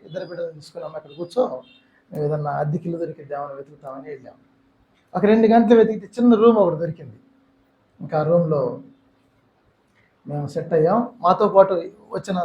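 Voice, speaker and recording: A man's voice: sits high, darkish tone, echoey room, muffled recording. A man from Andhra Pradesh with a Telugu accent, giving an emotional testimony sermon and slipping in English phrases. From Andhra Pradesh, India. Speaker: missionary speaker. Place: church hall.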